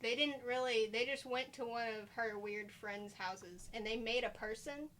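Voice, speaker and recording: A young woman telling rambling, animated stories as she hosts a casual podcast chat. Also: on the high side, moderate pace. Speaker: podcast host.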